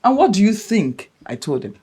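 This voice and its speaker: Nigerian female scolding mother for film drama: accusatory, emphatic, husky voice with very lively pitch swings. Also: normal speed. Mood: guarded, curt. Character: indignant, scolding mother fed up with a selfish man.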